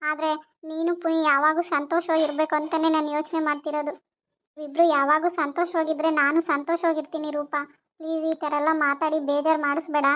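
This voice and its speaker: An actress playing an anxious, gentle young wife who talks in a worried, pleading way. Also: female voice, high voice, little pitch movement, quick pace. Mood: apologetic. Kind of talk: TV serial acting.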